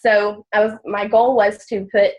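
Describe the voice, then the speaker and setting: A woman's voice: medium pitch, level tone, measured pace, rough recording. A woman with a nasal, congested voice from blocked sinuses, chatting openly about her story and tips on a group call. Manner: open, chatty, repeats words. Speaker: team member telling her story. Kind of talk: casual personal talk on a group call.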